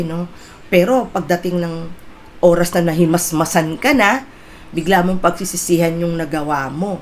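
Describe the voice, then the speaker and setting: Woman, middle-aged, pastor, conversational sermon, lively tag questions, lowish pitch, faint background noise. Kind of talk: Taglish sermon exhortation.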